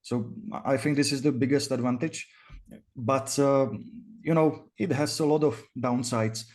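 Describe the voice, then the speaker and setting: A man's voice: mid-range voice, fairly even intonation, darkish tone. Hesitant young Czech-accented man. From Czech Republic. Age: 20s. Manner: hesitant, halting delivery full of pauses. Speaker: interview guest, virtual cam studio owner. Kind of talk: casual interview answers.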